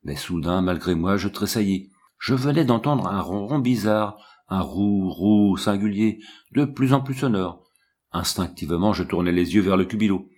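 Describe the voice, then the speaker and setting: Low-voiced man narrating a novel. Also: moderate pace. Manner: expressive, dramatic reading. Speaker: audiobook narrator.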